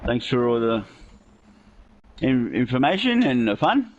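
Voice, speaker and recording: A man in voice chat, friendly and halting, signing off a gaming session and thanking everyone. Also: medium pitch, big pitch swings, muffled recording. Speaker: fellow player in voice chat. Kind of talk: casual sign-off chat.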